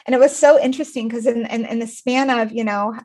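A woman's voice: fairly high pitch, steady tone, fast talker, a little mellow. A woman in her thirties, a guest author in a podcast interview, telling a personal story in an earnest, emotional way with many restarts and fillers. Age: 30s.

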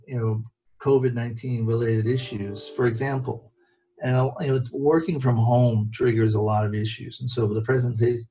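A man on a casual panel discussion, explaining legal issues in a halting way, with many fillers and restarts. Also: on the low side, warm tone, low-quality recording. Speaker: lawyer guest.

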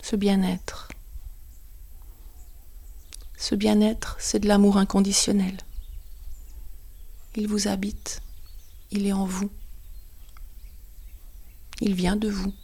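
This is a guided meditation led by a woman whose medium-pitched voice stays level throughout. She sounds hushed and soothing, breathy and often close to whispering, and she delivers short phrases with pauses between them.

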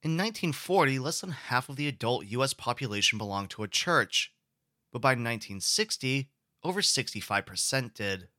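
A man's voice: mid-range voice, animated, normal speed, bright, forceful tone, no echo, clean studio sound. A man giving a recorded history lecture in an explanatory way, posing rhetorical questions to the class.

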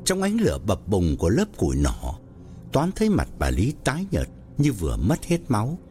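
A man narrating a ghost story in a slow, measured storytelling manner. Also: fairly low pitch, wildly swooping pitch, warm tone.

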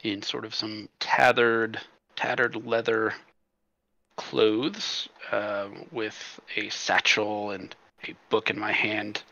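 Gravelly slow man describing his character. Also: fairly low pitch, steady tone, sharp tone, no room sound, lo-fi sound. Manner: slow, joking, crude. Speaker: player.

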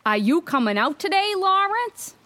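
A woman's voice: very high voice, big pitch swings, moderate pace, sharp tone, voice pushed up, heavily acted. A woman voicing a cheerful, easygoing lobster boat with a folksy way of talking in a storybook tale.

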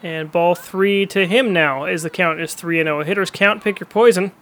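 High-voiced man calling baseball play-by-play. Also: moderate pace, fairly bright tone. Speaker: play-by-play commentator. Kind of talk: baseball video game play-by-play commentary.

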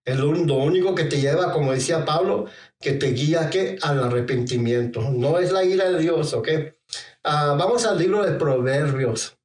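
A middle-aged male preacher who speaks in a halting way and keeps repeating a filler phrase. His voice sits a little high for a man. It sounds far from the mic, in an echoey room. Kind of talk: sermon.

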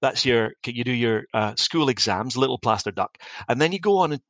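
A middle-aged Scottish man, a business founder, talks through his life story in an interview. He is wry and anecdotal and often restarts his sentences. His voice sits at an ordinary pitch and the sound is dry and close. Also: animated, fairly quick, a bit bright, no room sound, rough recording. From Scotland.

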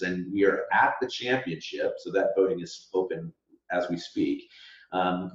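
A man's voice: low-pitched, a little mellow. Tinny, echoey male podcast host. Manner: chatty, stop-start with fillers. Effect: tinny sound from the wrong microphone. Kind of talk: casual interview over a video call. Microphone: wrong microphone on a video call. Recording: tinny, echoey video-call audio.

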